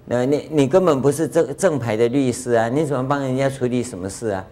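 A man's voice: mid-range voice, warm tone. Older man, Buddhist master, dharma lecture, rhetorical questions, chatty. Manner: conversational, rhetorical questions, drawn-out filler "啊".

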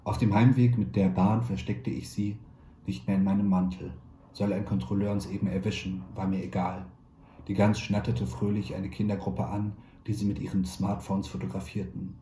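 A male actor reads a literary short story in a measured, quietly wry manner. His voice is low and very dark and mellow. The recording sounds roomy, with a faint hiss underneath. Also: level tone. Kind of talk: literary audiobook reading. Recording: roomy echo, faint background noise.

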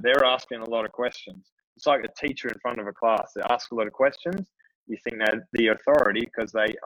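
A man's voice: lowish voice, a bit bright, dry recording, rough recording. A man coaching tradespeople on phone sales, talking loosely with many fillers. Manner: casual, conversational, many fillers. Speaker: business coach. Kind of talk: instructional talk to tradespeople.

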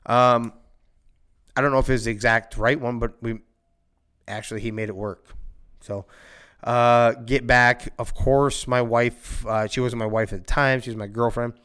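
A man telling a wild story in casual podcast chat, animated and profane, laughing often and shouting when he acts out the scene. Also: mid-range voice, normal speed, smooth. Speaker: storyteller guest.

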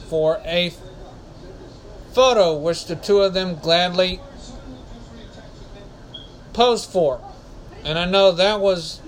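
A man's voice: high voice, rough recording. A man hosting a casual solo podcast, rambling and often correcting himself. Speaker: podcast host.

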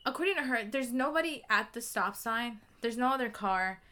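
A woman's voice: a little high, lively intonation, normal speed, pushed and bright. A young woman co-hosting a podcast, retelling book scenes at length in a chatty way, full of "like" and "you know". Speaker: podcast co-host. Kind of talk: casual book discussion.

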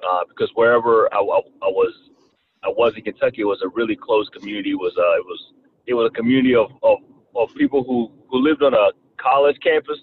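A man's voice: medium pitch, very animated. Man with a slight Southern twang, tinny line. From Rwanda. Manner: halting, repeats words often. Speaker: guest. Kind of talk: casual interview talk. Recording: tinny phone-like line, faint noise.

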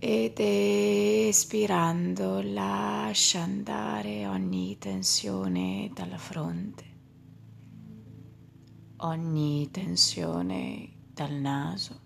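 A woman guides a meditation at an unhurried crawl, her voice low-pitched and heavy with vocal fry. She speaks softly and often slips into a whisper, over a faint hiss behind her. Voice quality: slow, soft, drifting into whispers.

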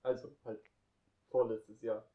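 A man's voice: on the low side, little pitch movement, a little slow, muffled recording. Teasing young man with dry quips. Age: young adult. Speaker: podcast co-host. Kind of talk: casual chat. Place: room in a friend's home.

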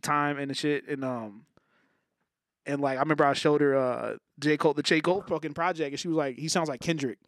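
Young male host, slightly higher voice, dry close sound, rambling casual banter. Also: fairly even intonation, no echo. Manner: rambling, swears freely, quick bursts. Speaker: podcast host. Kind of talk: casual chat.

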